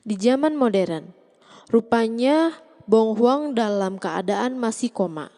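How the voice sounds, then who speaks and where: A woman's voice: a little high, lively intonation, takes it slowly, dark tone, long reverb tail, soft background music. A woman reads a scripted story recap as the narrator. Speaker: narrator recapping a drama series.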